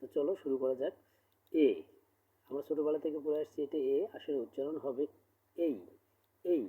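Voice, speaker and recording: Husky man teaching on a tinny line. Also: fairly high pitch, little pitch movement. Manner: explains step by step, asks questions and answers them himself; repeats words slowly to model pronunciation. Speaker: English teacher. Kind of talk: classroom lesson. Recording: tinny phone-like audio.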